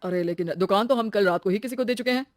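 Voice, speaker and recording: A woman's voice: mid-range voice, fast, no room sound, lightly acted. Woman doing a curt male shopkeeper. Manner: blunt, matter-of-fact. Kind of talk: cartoon story voice acting.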